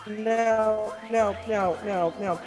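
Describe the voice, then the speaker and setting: A man's voice: high-pitched, fairly even intonation, extremely slow, over music. A man using a cathedral reverb voice mod while playing a stern mock prosecutor in an improvised trial roleplay. He stammers and repeats words as he scolds.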